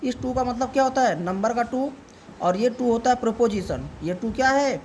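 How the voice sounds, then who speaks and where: A man giving a home tutoring lesson, reading English word by word for a child to repeat and explaining slowly and patiently. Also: very high voice, darkish tone, slight background noise. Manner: slow, careful explaining.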